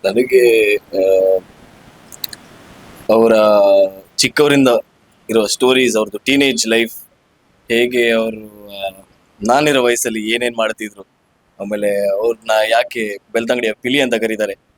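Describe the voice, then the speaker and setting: A young man with a fairly low voice answers interview questions about his family. He speaks slowly and haltingly with frequent pauses. The sound is dry and close. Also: steady tone, no room sound, rough recording. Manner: halting, many pauses and fillers. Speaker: grandchild being interviewed. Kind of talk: casual interview reminiscence.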